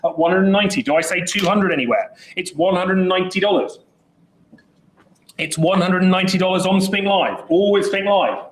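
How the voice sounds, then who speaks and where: High-voiced auctioneer calling bids. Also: male voice, echoey room, low-quality recording. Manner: brisk, chatty bid-calling with jokes. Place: auction saleroom.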